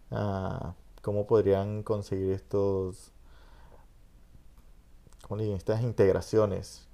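A Venezuelan man with a low, gravelly, mellow voice hosts a podcast in casual conversation. He reflects and rambles, repeatedly asking "¿entiendes?"

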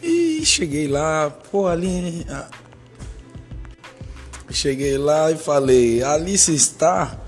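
A man's voice: a little high, extremely slow, pauses often, faint music behind. A man in his thirties with a Brazilian Portuguese accent, telling a bawdy personal anecdote in a joking, casual way. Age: 30s. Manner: bawdy, joking, lively storytelling. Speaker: storyteller.

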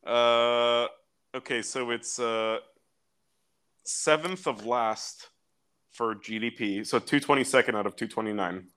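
A man's voice: mid-range voice, unhurried, fairly bright tone, clear, resonant tone. A young man co-hosting a casual podcast, reading war facts aloud with loose, profane asides. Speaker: podcast co-host. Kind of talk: casual chat.

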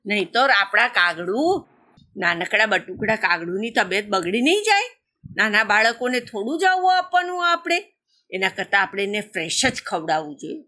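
A fussy mother crow from a children's story frets and scolds in a raised, bright voice, as a woman storyteller puts her on. She nags and keeps correcting her mate. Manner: nagging, fussy, higher than her narration.

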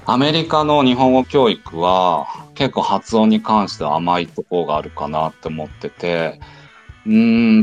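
A man with a very low voice talks through language teaching in a relaxed online audio chat. He explains things patiently and step by step. Soft music sits faintly in the background.

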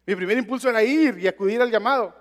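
Man, pastor, very high voice, sermon storytelling, chatty and direct, long hall reverb. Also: quick pace, fairly bright tone. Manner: conversational, addresses listeners directly.

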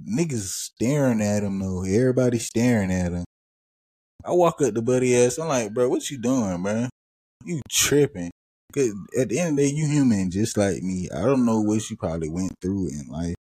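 Low husky New man telling stories. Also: mellow. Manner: loose, profane, rambling storytelling with laughs. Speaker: podcast host. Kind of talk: casual storytelling.

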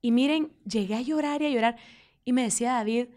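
A woman's voice: a little high, fairly quick. A woman co-hosting a casual conversation with her partner, telling personal stories and acting out what people said. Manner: animated storyteller, acts out quotes. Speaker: podcast co-host.

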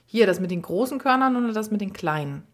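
A woman voicing an eager small child in a children's story, high, loud and pleading. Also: expressive, fast, natural voice. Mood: curious.

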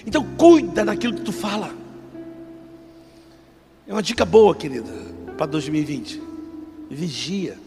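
A middle-aged man preaching a sermon with a Rio de Janeiro accent, fervent, calling listeners brother and swinging between hushed asides and loud outbursts. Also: high-pitched, lively intonation, measured pace, creaky, long pauses. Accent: Rio de Janeiro Portuguese. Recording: long hall reverb with faint music.

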